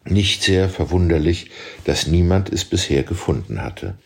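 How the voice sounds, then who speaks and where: Male audiobook narrator, very low voice, husky, lively intonation. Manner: measured, expressive storytelling. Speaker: audiobook reader.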